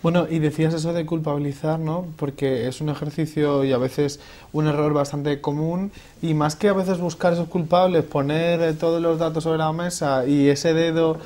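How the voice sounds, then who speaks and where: Male host, slightly high voice, informal, reflective interview chat. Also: steady tone, moderate pace, a little mellow. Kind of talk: conversational interview.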